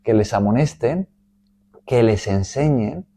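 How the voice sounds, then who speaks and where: A man teaching a Bible study in a measured way, often checking in with "¿no?". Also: medium pitch, expressive, warm tone. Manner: measured, frequent "¿no?" tags.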